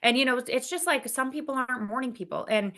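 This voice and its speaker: Speaking fast in a high-pitched voice, this woman is a business-executive guest in a relaxed interview. Her talk is frank and lively, punctuated by frequent laughter and many false starts.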